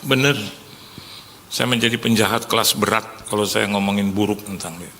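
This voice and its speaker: A man's voice: on the low side, normal speed, pushed and bright, in a large hall, slight background noise. A man in his sixties, a pastor preaching a sermon as a joking storyteller who acts out dialogue. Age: 60s.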